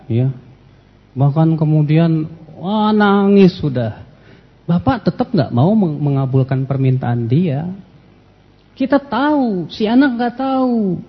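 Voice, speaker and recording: Guy preaching casually, kinda high husky voice, sounds muffled, big hall echo. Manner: addresses listeners as "Pak", acts out prayers and dialogues. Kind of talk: casual Islamic sermon.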